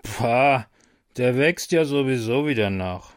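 A man's voice: medium pitch, expressive, takes it slowly. A man voicing a hungover, drunken male angel who mumbles and slurs his words. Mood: drowsy. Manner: slurred, mumbling, hiccupping.

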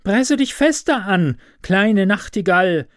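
A talking rosebush from a storybook, eager and insistent, given voice by a man reading aloud. It calls out high above the reader's usual tone, loud and pressing. The sound is dry and close. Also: expressive, slow, no room sound. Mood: urgent.

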